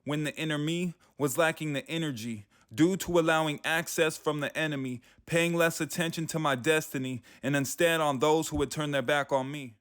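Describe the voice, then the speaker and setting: A man's voice: on the high side, moderate pace, hardly any pauses, a bit bright, smooth. A man in his thirties delivering a rhythmic, rhyming spoken word poem. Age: 30s. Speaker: youth and family engagement manager.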